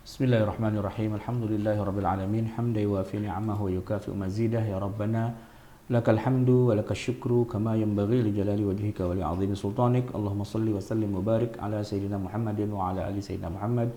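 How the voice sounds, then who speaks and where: Male prayer leader, low and dark, measured devotional recitation, roomy echo with faint noise. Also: fairly even intonation.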